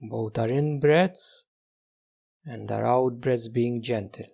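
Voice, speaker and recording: This meditation teacher has a gravelly, medium-pitched voice. He talks gently and slowly, letting long pauses fall between phrases.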